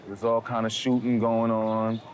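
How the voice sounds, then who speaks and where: A lower-voiced man speaks in a documentary interview. He talks haltingly, restarting and repeating words as he looks for them. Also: monotone, a little mellow, slight background noise. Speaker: interviewee, local resident.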